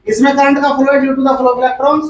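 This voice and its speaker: Guy teaching class, really high voice, repeats stuff and quizzes students, sounds far off in a room. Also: flat delivery, measured pace, a little hiss or hum. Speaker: chemistry teacher. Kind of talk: classroom lecture. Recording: echoey room, far from the mic.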